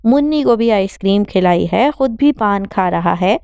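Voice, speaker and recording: Woman doing a fiery young older sister, accusing, heated, gravelly voice. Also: mid-range voice, animated, darkish tone, no room sound, muffled recording, natural voice. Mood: suspicious. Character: angry young woman student, hard-working older sister.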